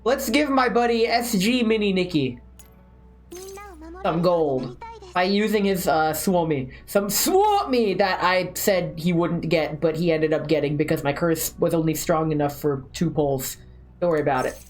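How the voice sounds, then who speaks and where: A woman's voice: fairly low pitch, animated, unhurried, soft background music. A woman game streamer reading a story aloud and adding casual commentary.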